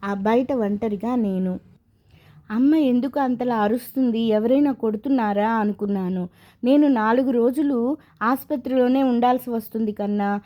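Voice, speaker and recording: A woman's voice: fairly high pitch, normal speed, dull audio, close to an everyday voice. Sorrowful young husband, as a woman reads him. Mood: grieving. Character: grieving young married man, haunted by past.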